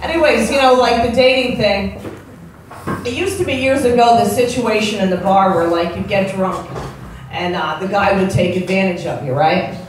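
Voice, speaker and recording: A woman's voice: medium pitch, normal speed, very echoey. Female comic, forties, American, brash conversational club delivery; distant, noisy live recording. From upstate New York, United States. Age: 40s. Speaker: stand-up comedian. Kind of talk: live stand-up comedy. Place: indoor comedy show with live audience.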